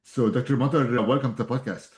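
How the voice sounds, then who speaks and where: A man's voice: medium pitch, fairly even intonation, fast. A man hosting a podcast interview, asking questions in a casual, hesitant way with fillers. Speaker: podcast host.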